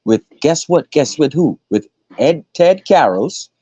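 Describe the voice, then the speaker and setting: A man's voice: fairly high pitch, animated, measured pace, dark tone, slightly rough, dry recording. A man in a heated sports debate, insistent and repeating his points. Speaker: panelist. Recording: muffled phone audio.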